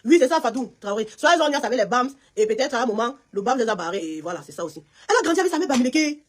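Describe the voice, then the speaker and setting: A Cameroonian woman with a Cameroonian French accent hosts a casual live stream. Her husky voice rattles along at great speed. She talks emphatically and speaks straight to her viewers by name. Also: fairly high pitch, sing-song, very fast. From Cameroon, West region.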